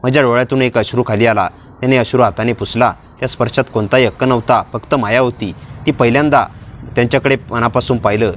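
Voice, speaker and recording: A man narrating a dramatic first-person story in a steady storyteller's manner. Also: mid-range voice.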